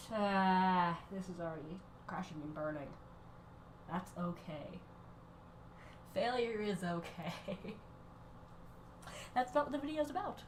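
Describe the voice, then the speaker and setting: A woman who is sick, giving a casual rambling voice-over that keeps breaking off and restarting in quick bursts. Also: lowish voice, a little hiss or hum. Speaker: art channel creator.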